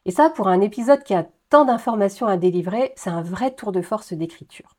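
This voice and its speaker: A woman speaking to her viewers as the host of her own review channel. Her delivery is animated and expressive, rising with excitement at the big points. She drops in small hesitation fillers as she works through her thoughts. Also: medium pitch, fairly quick. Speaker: YouTube host reviewing episodes of a TV series. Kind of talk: enthusiastic video commentary, partly scripted.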